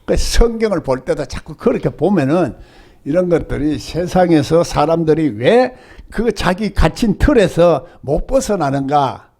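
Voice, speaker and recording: A man's voice: on the high side, expressive, a little slow, dark tone. An older male pastor with a Gyeongsang Korean accent, preaching a sermon and often asking the congregation rhetorical questions.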